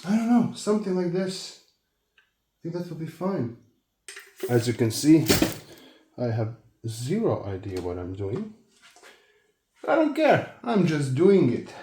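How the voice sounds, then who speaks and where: Man on an echoey low-quality phone recording. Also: huge pitch swings, a little slow, pauses often, dark tone. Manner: hesitant, self-deprecating, thinking aloud. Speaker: car vlogger. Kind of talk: casual DIY walkthrough. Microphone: phone, no microphone.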